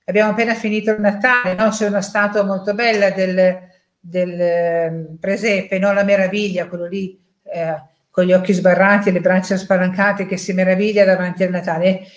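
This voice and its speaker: An Italian woman shares a casual reflection on scripture, pausing often and checking in with little tag questions. Her voice sits at an ordinary middle pitch. The room around her is noticeably echoey. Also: little pitch movement. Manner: thoughtful, hesitant, tag questions and fillers. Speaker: parishioner sharing a Bible reflection.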